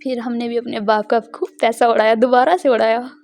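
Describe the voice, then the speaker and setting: A woman's voice: on the high side, flat delivery, fairly quick, gravelly, a little mellow. A young woman, rambling and giggling as she tells a casual vlog story. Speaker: vlogger. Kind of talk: casual chatty vlog narration.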